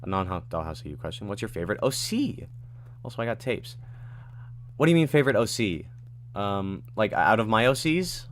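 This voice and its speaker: Casual streamer, male, slightly low voice; reads viewer questions aloud and answers off the cuff with asides. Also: big pitch swings, normal speed, slight background noise. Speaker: livestreamer answering chat questions. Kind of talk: casual livestream Q&A. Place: at home in his room.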